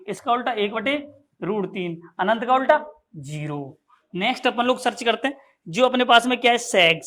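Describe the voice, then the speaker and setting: High-voiced man teaching math. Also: fairly bright tone. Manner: repetitive, drilling, addresses students as bhaiya and sahab. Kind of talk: classroom math lesson.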